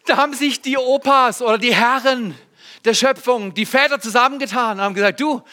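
A male pastor giving a conversational, animated sermon, with asides and questions to the congregation. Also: very high-pitched, fairly quick.

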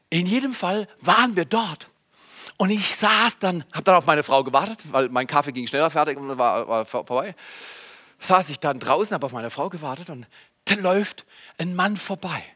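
A pastor preaching a sermon to his congregation, animated and speaking to them directly, with loud emphatic bursts and quiet asides. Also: fairly high pitch, breathy edge. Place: church service.

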